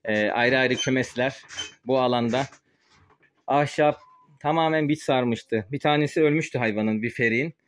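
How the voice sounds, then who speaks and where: A man's voice: mid-range voice, normal speed. Man vlogging through a face mask. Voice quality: slightly muffled, speaking through a face mask. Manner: explains informally while working with a sprayer. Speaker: host of a poultry-keeping channel. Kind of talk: casual explanatory vlog narration. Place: small wooden chicken coop. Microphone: handheld phone camera, held while working.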